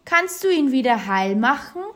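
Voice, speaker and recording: A woman voicing a small, eager girl witch from a storybook who talks high and breathless. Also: very animated, normal speed, a bit bright. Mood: pleading.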